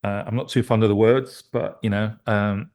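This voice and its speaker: A middle-aged man talks in a lowish voice as an interview guest. He rambles and restarts his sentences, with plenty of fillers along the way. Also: steady tone, moderate pace, a little mellow. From England. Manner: rambling, stop-start with many restarts and fillers. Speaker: guest, musician and producer. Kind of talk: casual interview chat.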